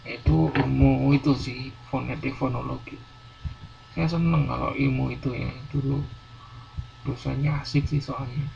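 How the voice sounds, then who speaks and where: A man's voice: medium pitch, little pitch movement, measured pace, gravelly, mellow. A male university lecturer teaching a class, explaining patiently and repeating words with many fillers. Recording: dull lo-fi classroom recording, faint noise.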